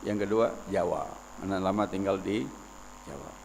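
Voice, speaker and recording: A man's voice: deep voice, moderate pace, creaky, darkish tone, big-room sound, slight background noise. A man, giving a religious lecture in an explanatory, folksy way with personal stories. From West Sumatra, Indonesia. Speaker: Islamic preacher.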